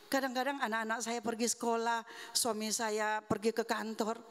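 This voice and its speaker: A middle-aged woman delivers a sermon testimony in an earnest, confessional way, speaking straight to the congregation. Her voice sits fairly high. The sound carries a long reverb from a church hall. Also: level tone, normal speed, fairly bright tone. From Manado, Indonesia. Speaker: guest preacher. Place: church sanctuary.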